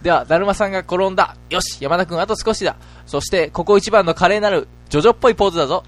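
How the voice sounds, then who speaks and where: A man's voice: high-pitched, rapid-fire, no echo, pitched above the performer's own voice, natural voice. A man doing a flustered schoolteacher. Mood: teacherly. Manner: bossy, then baffled. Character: flustered male schoolteacher leading a game.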